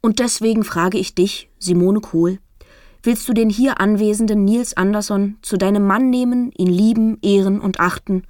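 A woman voicing a solemn male priest who preaches in a measured, formal way. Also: medium pitch, steady tone, a little mellow, no echo, clean studio sound, close to an everyday voice.

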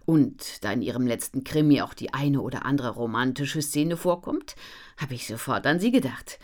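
A cheerful, dynamic editor, voiced by a woman narrator bursts with enthusiasm. Her voice stays low, but she speaks louder and brighter than the narration around it. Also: lively intonation, normal speed. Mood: enthusiastic. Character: upbeat female book editor, enthusiastic.

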